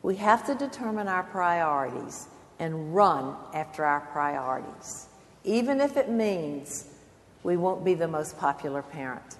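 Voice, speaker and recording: Older woman giving an earnest devotional talk. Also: deep voice. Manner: earnest, emphatic, swells and drops in loudness. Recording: long hall reverb.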